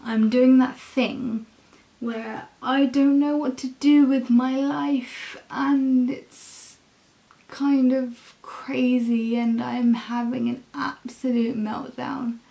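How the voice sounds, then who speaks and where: A young adult woman with an English accent, talking casually and candidly in a halting, confessional vlog style. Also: high-pitched, flat delivery, creaky, warm tone. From England. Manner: slow, halting, candid, with frequent swearing. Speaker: university student vlogger.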